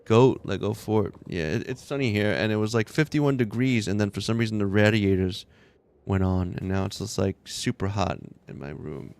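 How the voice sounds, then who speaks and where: In a lowish, creaky, slightly mellow voice at normal speed, a man chats casually with viewers while gaming from his room at home. His anecdotes ramble along with laughter and frequent restarts.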